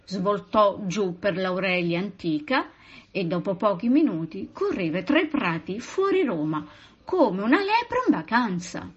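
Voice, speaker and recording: A woman teacher reading a children's story aloud with expressive, animated delivery. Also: mid-range voice, measured pace, breathy edge. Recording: muffled lo-fi recording.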